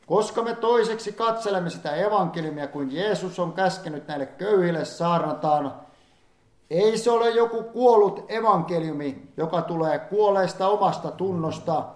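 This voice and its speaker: A man reading an old-fashioned sermon aloud in a solemn, fervent manner, rising in emphasis on pleading passages. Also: a little high. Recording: echoey room.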